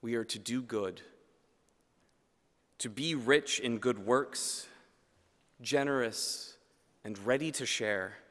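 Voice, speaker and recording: In a spacious church, a preacher in his thirties speaks at the lectern microphone with measured earnestness. His phrase ends sink low and soft, and the audio has a long reverberant tail from the church.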